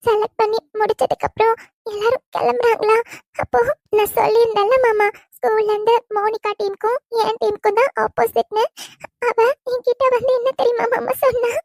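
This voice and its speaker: A feisty, sporty college girl from a cartoon, voiced by a woman. Her voice sits very high and childlike, close to the mic with no room sound. She talks back boldly and bristles at teasing. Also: level tone, fairly quick, vocal fry, a little mellow, dry recording. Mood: upset. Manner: sassy and bold, turns tearful when hurt. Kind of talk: cartoon voice acting.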